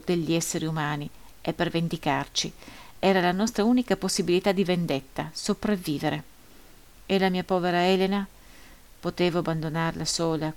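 Brief: woman audiobook reader, lowish voice, grave, measured narration. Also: darkish tone. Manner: measured, solemn, grave reading. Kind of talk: scripted narration of a first-person memoir.

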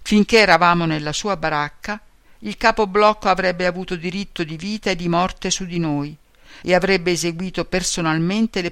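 High, smooth-voiced man reading aloud. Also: fairly bright tone, dry recording. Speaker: reader of a memoir.

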